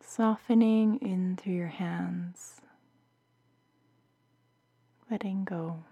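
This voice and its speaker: A woman with a lowish, very mellow voice narrates a bedtime sleep meditation. She speaks very slowly and softly, often slipping into a breathy near-whisper, in the soothing manner of a sleep story narrator. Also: steady tone, highs cut off. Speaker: meditation guide.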